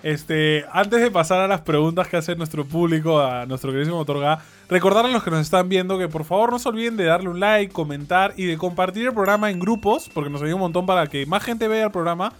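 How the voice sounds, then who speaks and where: A man's voice: high-pitched, fast talker, few pauses. A man hosting a comedy show in an upbeat, teasing way, making promotional asides to the audience. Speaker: show host.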